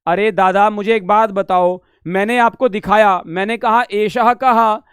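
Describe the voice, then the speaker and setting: High, crisp-voiced man teaching online. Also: steady tone, measured pace, a bit bright, dry recording, studio quality. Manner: repetitive, asks "samajh gaye?" often, calls students beta; drills questions back at the class. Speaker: Sanskrit teacher. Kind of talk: live online exam-prep lesson.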